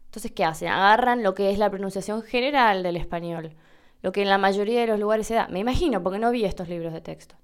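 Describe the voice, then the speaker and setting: A woman's voice: medium pitch, fast talker, clean tone. A woman from Argentina with an Argentine accent, hosting a casual, chatty podcast on Spanish pronunciation and demonstrating sounds herself. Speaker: podcast host teaching Spanish.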